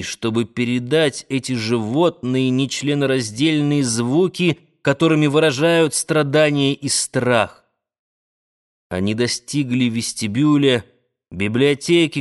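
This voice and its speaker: A male audiobook narrator reading a novel in a slow, deliberate, dramatic way. His voice sits in an ordinary middle register and takes its time over each phrase. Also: mid-range voice. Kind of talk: scripted literary narration.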